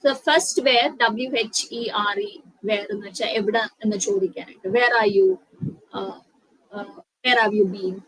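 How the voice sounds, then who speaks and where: A young woman with a Malayali accent teaching an English lesson, spelling out words letter by letter and switching between careful English and quick Malayalam. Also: mid-range voice, fairly bright tone, no room sound, rough recording. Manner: slow, deliberate English explanations, mixed with rapid Malayalam. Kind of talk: online spoken-English lesson.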